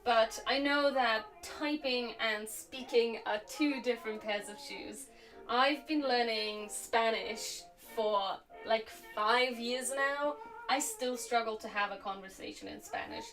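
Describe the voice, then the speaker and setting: A slow-talking young woman whose voice sits on the high side chats while crafting during a live stream. Slovak is her native language; she comes from Slovakia but grew up in Germany. Her throat is slightly sore, her manner relaxed, reflective, and filler-heavy, captured by a distant mic over faint music.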